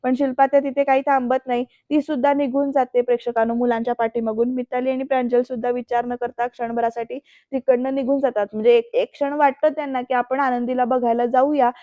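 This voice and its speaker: A woman's voice: high-pitched, little pitch movement, fast talker, mellow, no room sound. A woman doing a casual voice-over recap of a TV serial, chatting directly to the viewers and acting out the quoted lines. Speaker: serial episode reviewer. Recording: dull dry lo-fi voice-over.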